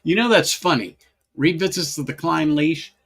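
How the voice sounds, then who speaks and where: A man's voice: a little high, moderate pace, fairly bright tone, husky. A man hosting a casual whiskey-tasting livestream, rambling, repeating himself and greeting chat viewers by name.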